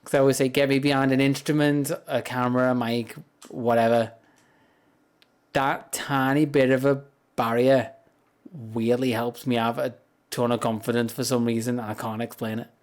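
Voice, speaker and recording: On a casual livestream, a soft-spoken man rambles in a chatty way, never raising his deep, grumbly voice. He talks in a flat tone at a moderate pace, and the high-gain mic right in front of him captures even his quietest words.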